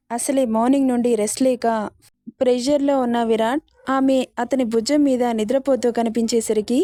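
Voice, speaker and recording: A woman reading a romantic story as its narrator, in a steady, measured way. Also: fairly high pitch, no echo, clean studio sound.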